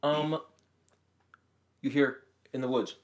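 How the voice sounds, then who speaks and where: A young man hosts a casual podcast among friends, joking and leading a silly made-up scenario. His pitch sits mid-range and his delivery is loose and playful. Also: fairly even intonation, slow. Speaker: podcast host. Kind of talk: casual chat, running a hypothetical.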